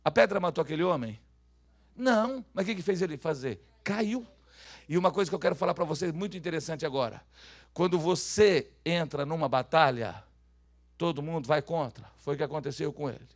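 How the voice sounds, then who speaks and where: A man from Brazil preaching a sermon as pastor, swinging from quiet asides to loud calls for the congregation to repeat after him. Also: a little high, a little fast.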